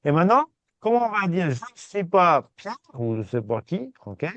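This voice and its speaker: A man teaching a language class, reassuring his students and repeating words slowly. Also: fairly high pitch, sing-song, fairly bright tone, no room sound. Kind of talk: patient step-by-step class. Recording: dull, dry sound.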